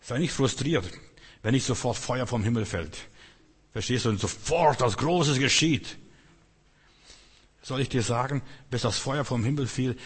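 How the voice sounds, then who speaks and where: A man's voice: lowish voice, husky. A man preaching a sermon, with emphatic repetition and frequent questions to his listeners. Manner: emphatic, repetitive, often asks the listeners "verstehst du". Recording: long echo of a large hall.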